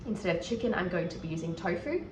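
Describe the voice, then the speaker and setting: A woman's voice: fairly low pitch, expressive, quick pace. A young Australian woman who is sick and losing her voice, chatting casually with lots of fillers as she vlogs from her home kitchen on a clip-on mic. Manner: rambling, with many fillers. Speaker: vlogger. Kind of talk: casual chat. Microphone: wireless clip-on mic. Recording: noisy home recording.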